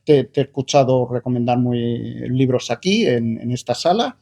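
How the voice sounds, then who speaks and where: A man talks about his own writing at a book presentation. His voice is warm and mellow, and he thinks aloud with frequent fillers and restarts. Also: mid-range voice, normal speed, vocal fry. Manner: hesitant, thoughtful, many fillers and restarts. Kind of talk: conversational book presentation talk.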